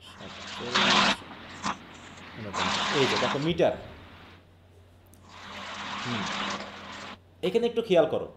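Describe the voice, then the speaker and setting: A man from Bangladesh teaches a live online class in a high, lively voice. He explains each point step by step, slips English terms into his talk and keeps asking his students questions. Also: background noise.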